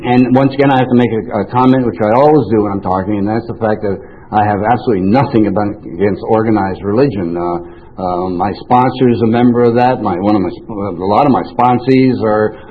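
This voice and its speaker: This older man from New York, a native French speaker, has a fairly low voice with a breathy edge. Addressing a recovery meeting, he gives a loose, personal account that wanders and keeps interrupting itself. The sound is thin and narrow, like something heard over a radio.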